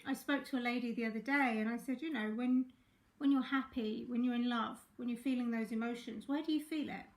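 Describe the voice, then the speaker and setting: Croaky woman life coach. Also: a little high, fairly even intonation, fairly quick. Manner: chatty, checks in with viewers often. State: hoarse from a sinus infection. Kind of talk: live-streamed coaching talk.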